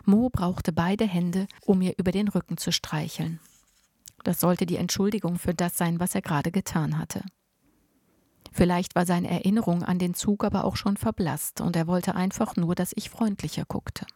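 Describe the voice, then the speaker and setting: Woman narrator, first-person audiobook, expressive, close dry sound. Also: on the low side, breathy edge, no echo. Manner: lively, expressive reading.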